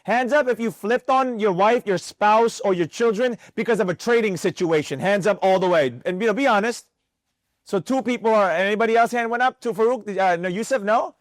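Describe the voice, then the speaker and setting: A man teaching a live trading class, animated and constantly questioning the room. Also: sits high, fairly quick, no echo. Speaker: trading instructor.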